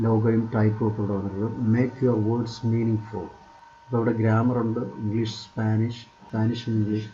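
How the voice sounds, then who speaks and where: Man with a dark, muffled voice. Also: lowish voice, slight background noise. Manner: repetitive, pointing out items on screen. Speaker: English teacher. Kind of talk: screen-share tutorial.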